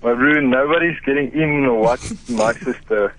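An agitated South African man with an Afrikaans accent, speaking bluntly and haltingly on the phone as he scolds. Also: medium pitch. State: agitated, shaken. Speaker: prank call victim, protective brother. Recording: noisy phone line with clicks.

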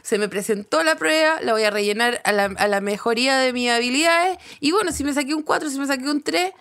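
A woman's voice: high voice, brisk, a bit bright. A young adult woman with a Chilean accent, co-hosting a podcast in casual chat, playful and wisecracking. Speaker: podcast co-host.

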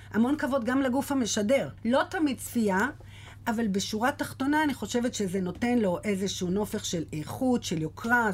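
A woman's voice: mid-range voice, darkish tone, slight background noise. A woman with an Israeli accent speaking conversationally as an interview guest, often repeating words for emphasis. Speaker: casting director interviewed as guest.

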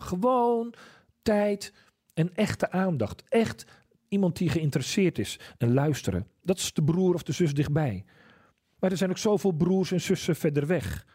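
Male preacher, earnest and questioning, husky slightly high voice. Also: mellow. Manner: earnest, questioning, repeats key phrases. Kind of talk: sermon. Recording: church service broadcast on radio.

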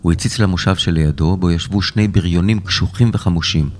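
A man narrating a serialized children's story in a steady, dramatic way. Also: sits low, faint music behind.

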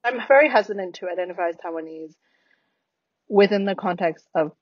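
A woman from the United States, whose American accent carries British influence from years living in Britain, chats casually and reflectively in thoughtful, hesitant phrases. Her medium-pitched voice is brisk, and the audio is dull with no echo.

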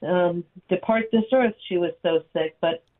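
A woman's voice: on the low side, a little slow. Woman on a talk show, tinny phone-thin am radio sound, rambly chatty update w lots of ums. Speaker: record label representative. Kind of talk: casual on-air update.

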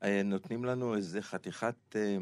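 Man, comedian guest, very deep voice, rambling stories, dry studio. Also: fairly even intonation, darkish tone, dry recording. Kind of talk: talk show conversation. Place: radio studio.

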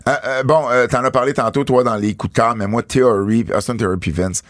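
Dry-sounding Quebecois podcast host. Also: male voice, medium pitch, no room sound. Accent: Quebec French. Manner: animated, quick asides, hosting the segment. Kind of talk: casual podcast banter.

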